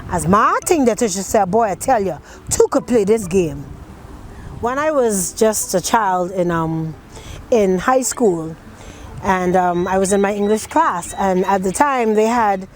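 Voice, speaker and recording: A woman's voice: medium pitch, animated, a little slow, slight background noise, rough recording. A woman from the Bahamas with a Bahamian accent, a poet who recites dialect poetry and talks about her writing in a rhythmic storytelling way.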